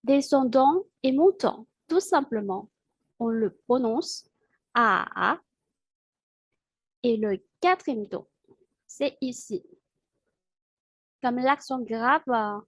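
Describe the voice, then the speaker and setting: A woman teaching pronunciation in French, patient and hesitant, with many filler pauses. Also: high voice, darkish tone, breathy edge, no echo, dull audio. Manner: models syllables slowly for repetition. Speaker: Mandarin teacher. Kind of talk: language lesson.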